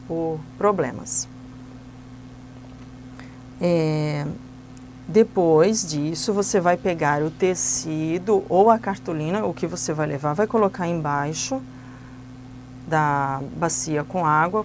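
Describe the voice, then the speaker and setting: A woman's voice: on the low side, a little mellow, slight background noise. A woman explaining church classroom activities for children step by step, in a patient, instructive way. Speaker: Sunday school teacher trainer.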